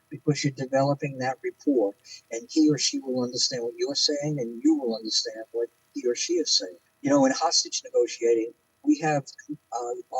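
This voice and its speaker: An older man gives expert advice in a broadcast interview. He explains things calmly, point by point, with hesitant pauses and a mid-pitched voice. A clear noisy hum runs behind him. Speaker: interview guest, former police hostage negotiator.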